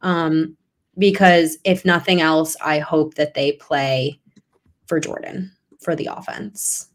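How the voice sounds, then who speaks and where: A woman's voice: low-pitched, slow. A young woman hosting a sports podcast, talking casually and getting emphatic. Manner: animated, rising emphatic talk. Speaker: podcast host.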